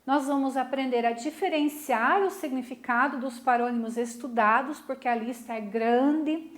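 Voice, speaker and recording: A middle-aged woman teacher with a high voice leads a recorded online class, sounding reverberant. Lively and warm, she asks questions and checks in with her students often, using "né?" tags.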